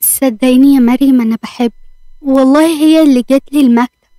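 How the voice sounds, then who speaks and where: A woman's voice: high voice, steady tone, fast, dark tone, no room sound, close to an everyday voice. A woman with an Egyptian accent voicing an insistent, remorseful young man begging forgiveness in a read-aloud story. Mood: pleading. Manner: pleading, insistent.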